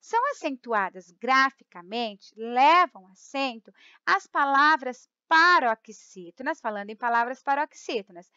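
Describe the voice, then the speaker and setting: A woman teacher with a Brazilian accent giving a grammar lesson, explaining slowly, repeating the rules, stretching key words and often checking in with her students. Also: sits high, expressive, sharp tone, smooth, dry recording, highs cut off. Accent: Brazilian Portuguese. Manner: keeps checking in with "tá?" and "ó". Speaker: Portuguese teacher.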